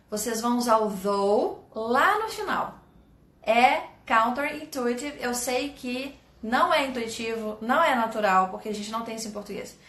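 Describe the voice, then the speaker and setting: A woman from Brazil teaching a live online English lesson, lively and encouraging as she reads out viewers' sentences. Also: a little high. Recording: echoey room.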